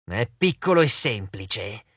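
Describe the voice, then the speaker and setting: A man voicing a vain, touchy giant spider woman for a storybook, with shrill, shrieking outbursts. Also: big pitch swings, slow, a bit bright, breathy edge, no echo, clean studio sound, heavily acted. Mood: haughty.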